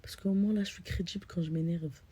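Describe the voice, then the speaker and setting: A young woman vlogging to her phone, ranting bluntly in slangy casual chat with a low, deep voice, often dropping to a whisper. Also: steady tone, fast, mellow, breathy edge. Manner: blunt, ranting, slangy, addresses "les filles".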